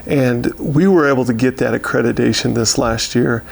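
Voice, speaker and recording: An American man speaking as a county sheriff in an unscripted interview, steady but halting, with frequent pauses and repeated words, in a gravelly voice. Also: mid-range voice. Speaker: county sheriff giving a year-in-review.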